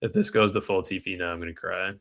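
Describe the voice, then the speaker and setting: A man's voice: low-pitched, fairly even intonation, quick pace, fairly bright tone. A man trading live on a stream, reading out viewer comments and venting when trades go against him. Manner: frustrated, talks to chat while reading comments. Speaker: livestream trader.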